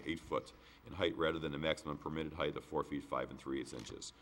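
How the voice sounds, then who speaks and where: A man's voice: sits low, fairly bright tone. An American man chairing a formal public meeting in a plain, businesslike way, with the sore throat of someone getting over a cold. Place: village board meeting room, on microphone.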